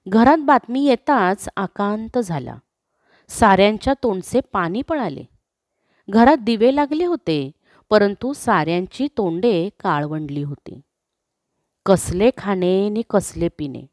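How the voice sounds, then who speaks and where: A woman narrating a classic story in a slow, expressive reading. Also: mid-range voice, dry recording, studio quality.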